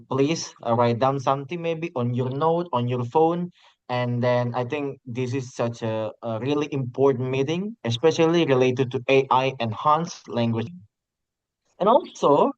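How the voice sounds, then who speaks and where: Moderating an online teaching webinar, a man introduces the guest with plenty of fillers and restarts. His mid-range voice comes through a video call as dull, dry online audio with no room sound.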